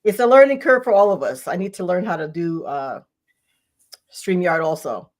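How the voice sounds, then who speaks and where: Woman, 60s, guest author, livestream interview, warm, gushing, slightly low voice, video call. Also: lively intonation. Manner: warm, gushing, spells things out slowly.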